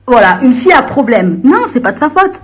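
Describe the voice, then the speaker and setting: A young woman rants at her live-stream viewers, confrontational and full of slang, swinging between low grumbling and shrill outbursts. She's very animated and talks fairly quickly.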